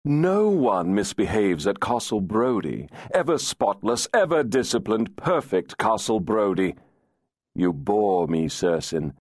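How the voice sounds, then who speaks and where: A purring, mocking male fairy lord, voiced by a man reading an audiobook. He teases and taunts in a raised, lively voice that swoops with disdain. The sound is close and dry. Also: medium pitch, a little slow, dry recording, pitched above the performer's own voice. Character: insolent, teasing male fairy nobleman. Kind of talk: audiobook character voice.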